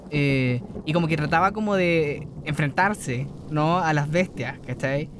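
A man's voice: a little high, unhurried, noisy background. A Chilean man, a podcast co-host and game master, telling a rambling story in casual chat, tagging phrases as he goes. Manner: rambling, tags phrases with tag questions.

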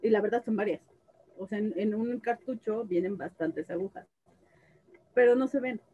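A woman's voice: mid-range voice, normal speed, slightly rough, phone-quality sound. A woman, a tattoo artist chatting casually and acting out conversations as she tells stories. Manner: animated storyteller, acts out dialogue, laughs often. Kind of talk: casual chat.

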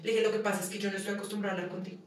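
A woman's voice: mid-range voice, flat delivery, very fast. A young woman telling personal stories in a casual interview, acting out dialogue and laughing often. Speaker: guest. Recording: echoey room from far off, some noise.

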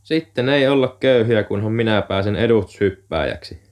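A man's voice: fairly low pitch, animated, a little mellow, close to an everyday voice. A man reading aloud, voicing an earnest, hopeful young boy who dreams big. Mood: dreamy. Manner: earnest, pleading.

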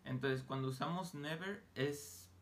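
A man teaching an online English lesson, explaining grammar casually and slowly sounding out English example phrases. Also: a little high. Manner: slow, deliberate modeling of English phrases; casual, joking asides.

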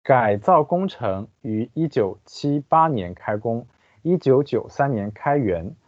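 A man explains pronunciation as a language teacher, speaking very slowly and deliberately. His pitch moves in a lively way as he demonstrates the tones. The recording is dry and muffled, with a lo-fi quality. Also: dry recording. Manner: slow, deliberate, careful explanations.

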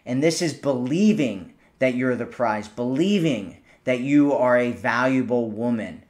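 A man talks through dating advice in a relaxed, conversational monologue on his podcast. He speaks directly to a female listener, frequently pausing to ask "right?". His voice sits at an ordinary middle pitch. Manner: conversational, often checks in with "right?". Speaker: podcast host, dating coach.

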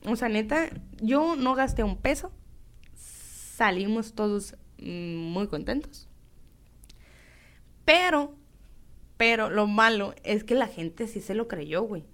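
A woman's voice: medium pitch, slow, pauses often. A young woman from Sinaloa, Mexico, with a Sinaloan Mexican Spanish accent, telling a story in casual, slangy chat and acting out the voices. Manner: animated, slangy, acts out voices in quotes.

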